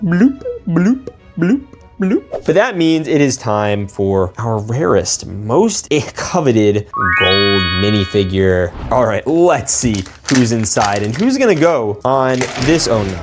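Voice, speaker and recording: Speaking slowly but with a great deal of animation, this mid-range male host unboxes and builds toys while giving casual, playful commentary full of slang and exclamations. Music runs under his voice.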